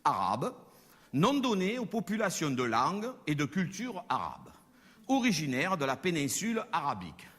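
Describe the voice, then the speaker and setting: Bright-voiced comedian. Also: male voice, fairly high pitch, wildly swooping pitch, normal speed. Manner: chatty, mock-serious, playful. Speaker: stand-up comedian. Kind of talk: stand-up comedy. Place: live stage in a hall. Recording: live hall reverb, faint audience.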